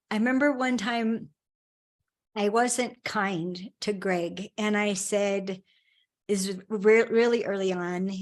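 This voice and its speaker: A woman guest in an interview, talking in a conversational coaching way and telling stories with animation. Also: mid-range voice.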